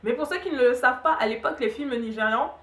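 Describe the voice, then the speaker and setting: A woman's voice: high voice, quick pace. A young woman from Cameroon, chatting casually to camera about streaming services, full of fillers and asides. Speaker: beauty and hair vlogger. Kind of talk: casual review chat to camera. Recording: roomy echo, mic a bit far.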